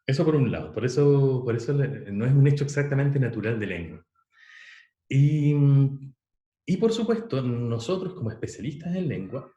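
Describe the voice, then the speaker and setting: Lecturer in an echoey room. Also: male voice, medium pitch, mellow. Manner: explanatory, with many fillers and restarts. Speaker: university lecturer. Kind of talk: online class lecture.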